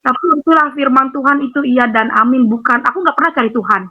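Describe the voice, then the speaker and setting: High-voiced woman on a tinny phone. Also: fast. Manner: rambling, animated, frequent fillers. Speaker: guest giving testimony. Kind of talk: emotional personal testimony on a call. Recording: tinny phone line with faint noise.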